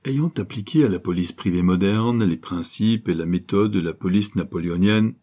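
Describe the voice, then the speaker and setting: A man's voice: deep voice, moderate pace, warm tone. A man voicing a naive young private detective who is pompous and easily flustered. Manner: stammering, pompous then panicky.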